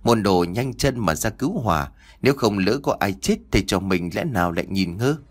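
An anxious young monk, as a male storyteller puts him on, pleading in a hurried, rushed way. His voice is pitched low and rises and falls a lot as he urges his master on. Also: animated. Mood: urgent.

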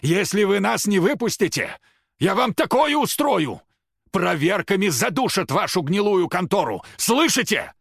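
A man voicing a pompous, indignant old man who shouts and blusters. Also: high voice, sing-song, a little slow, gravelly, husky, no room sound, studio quality, voice pushed up, full character voice. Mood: outraged. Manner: shouting, self-righteous, blustering.

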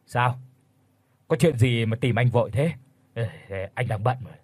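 A man playing a gruff, greedy pot-bellied older brother with a shaggy beard. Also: medium pitch, unhurried, no echo, close to an everyday voice.

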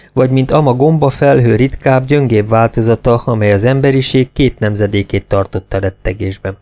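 A male narrator reads an audiobook at an even, measured pace. His voice sits in the middle of the male range, with a distinctly gravelly, creaky texture. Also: mid-range voice. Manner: steady, measured reading.

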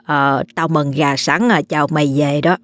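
A woman's voice: low-pitched, fairly even intonation, moderate pace, pitched below the performer's own voice, close to an everyday voice. A woman voicing a bossy, scolding old grandmother with a Southern Vietnamese accent. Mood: gruff. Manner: gruff, scolding.

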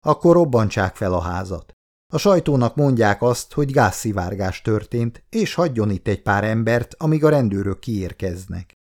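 A man's voice: lowish voice, expressive, darkish tone. A man reading the lines of a tough commando colonel who barks curt orders. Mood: commanding.

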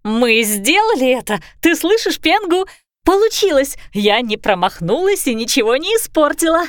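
A woman reading a storybook, voicing a chatty, excitable female dragon in a high, bubbly voice. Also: normal speed, dry recording, clean studio sound. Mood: excited.

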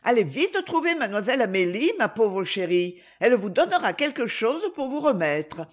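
Woman reader playing a lively, affectionate young noblewoman, raised pitch, animated. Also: a little slow. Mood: tender. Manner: eager, fond, high-spirited.

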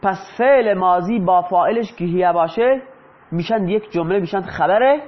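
A man's voice: high-pitched, dull audio. A man teaching Arabic grammar in Persian, often asking his students a question and then answering it himself. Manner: asks the class questions and answers them himself. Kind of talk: explaining lesson in Persian.

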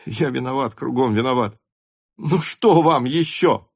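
A man's voice: mid-range voice, no echo, clean studio sound, pitched above the performer's own voice. Man doing a flustered young officer. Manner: pleading, halting and defensive. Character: young male officer, proud and flustered count.

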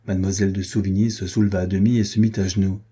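A man reading a historical adventure novel aloud as an audiobook narrator, in an even, measured way. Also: sits low, husky. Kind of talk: scripted narration.

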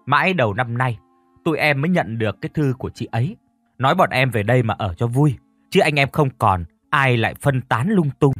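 A man's voice: medium pitch, expressive, a little fast, fairly bright tone, slightly rough, dry recording, soft background music. A man voicing a polite humble father. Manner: polite, deferential.

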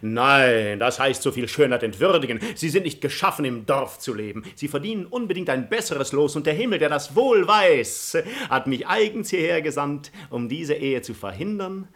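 An actor playing a smooth-talking noble seducer in a radio play, speaking in lavish flattery with theatrical swells. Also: male voice, medium pitch, a little fast. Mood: ardent. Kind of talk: broadcast radio play acting.

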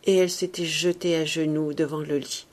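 A woman narrating a classic novel as an audiobook in an expressive, measured way. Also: sits low. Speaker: audiobook reader.

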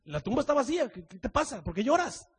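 A man voicing a calm, authoritative divine figure who gives gentle instructions in a sermon retelling. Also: very high voice, slightly rough, in a large hall, pitched above the performer's own voice, exaggerated voice. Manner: soft, measured instructions.

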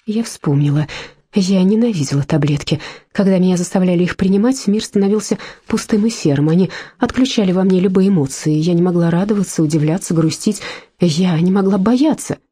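A woman reading a first-person story aloud in a calm, measured way. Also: fairly low pitch, slightly rough, no echo. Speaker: audiobook narrator. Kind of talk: first-person audiobook narration.

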